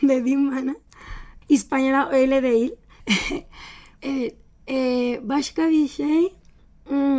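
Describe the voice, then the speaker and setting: A young woman with a Spanish accent gives an interview in a high, mellow voice. She speaks slowly in broken, halting foreigner's phrases, often correcting her own word endings as a non-native speaker. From Spain, Valencia. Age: 20s. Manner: halting, broken foreigner's Turkish with grammar slips and self-corrections. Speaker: interview guest. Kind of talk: personal interview.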